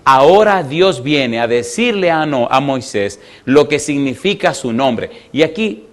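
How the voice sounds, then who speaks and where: A man preaching a sermon, pressing his listeners with constant rhetorical questions and slowing down on the words he wants to stress. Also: medium pitch, big pitch swings. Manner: peppers the congregation with rhetorical questions. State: emotional.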